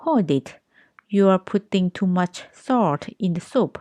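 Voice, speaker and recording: A woman with a Thai accent teaching English phrases, explaining in Thai and repeating each example slowly and carefully. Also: medium pitch, animated, mellow, dry recording. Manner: reads example sentences very slowly and clearly, twice.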